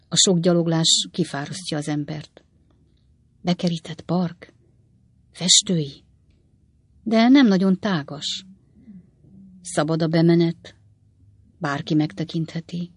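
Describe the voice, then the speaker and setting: A woman's voice: on the low side, slightly rough, no room sound. A woman voicing a down-and-out male swindler who talks in short, clipped, jerky phrases. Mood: wry.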